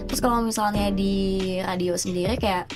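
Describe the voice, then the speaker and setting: A woman's voice: medium pitch, normal speed. A young adult woman who cannot roll her r's, chatting casually and slangily and acting out what people said. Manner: animated, acts out quoted remarks. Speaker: podcast guest, student and radio announcer. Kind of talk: casual chat, slangy storytelling. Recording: music bed behind the voice. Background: music.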